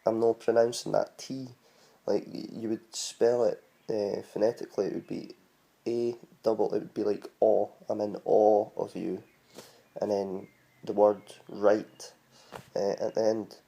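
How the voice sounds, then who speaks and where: A man's voice: fairly low pitch, level tone, a little slow, gravelly, dark tone. A man with a Scottish accent explaining words in a casual home tutorial, rambling and hesitant with many ums and restarts. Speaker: vlogger teaching words.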